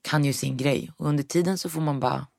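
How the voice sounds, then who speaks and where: Brief: young woman, guest, gravelly fry, dry close sound, storytelling that acts out the dialogue. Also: sits low, darkish tone, dry recording. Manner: retells events with quoted dialogue, mixes in English words. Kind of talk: personal storytelling in conversation.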